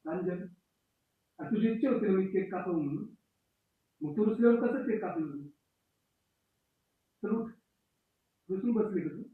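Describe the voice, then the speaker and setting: A man playing a hurried uncle who scolds his family, then coaxes his sulking niece. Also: high voice, far from the mic, narrow, tinny audio, faint music behind, close to an everyday voice. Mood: coaxing. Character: hurried uncle, quick to anger, soft-hearted. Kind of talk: amateur family comedy drama. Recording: roomy echo.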